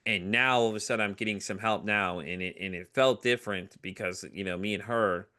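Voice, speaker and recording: A middle-aged man appears as a podcast guest, speaking openly and telling his story in a candid, conversational way. He is animated and brisk, with a fairly low voice, lots of fillers, and little acted-out quotes of other people.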